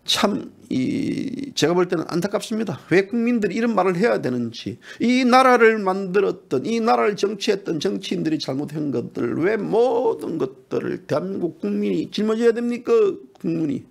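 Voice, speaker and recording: A man giving impassioned political talk as a party politician. He talks emphatically, repeats himself and rises into high pleading tones. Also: lively intonation, moderate pace, gravelly, hardly any pauses.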